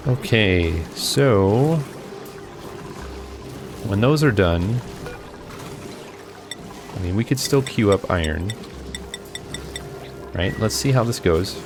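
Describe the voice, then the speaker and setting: A man giving casual commentary while he plays a video game, thinking out loud and talking to himself as he plays. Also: on the low side, lively intonation, slow pace, long pauses, music in the background. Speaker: gameplay video host.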